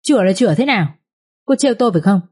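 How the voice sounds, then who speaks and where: A woman voicing a callous young village man who sneers dismissively, in a husky voice. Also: medium pitch, expressive, rapid-fire, darkish tone. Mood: sneering.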